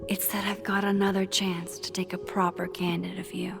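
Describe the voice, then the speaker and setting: A woman's voice: medium pitch, little pitch movement, moderate pace, creaky, natural voice. An actress voicing a chatty young woman in a game, wry and confiding in her voiced dialogue. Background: game music.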